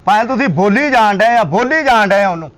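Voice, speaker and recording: A meddling brother-in-law, as a man plays him in a comedy sketch. His voice is very high and bright, and he nags and accuses. He keeps firing questions at the husband. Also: animated, brisk. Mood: accusing. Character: wife's brother, a hot-tempered meddler who stirs up quarrels.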